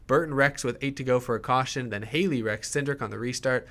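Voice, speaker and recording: A man's voice: mid-range voice, quick pace, fairly bright tone. A man in his twenties hosting a live racing podcast, reading out viewer questions in a loose, rambling way. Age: 20s. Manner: casual, rambling, reads out super chats. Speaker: podcast host.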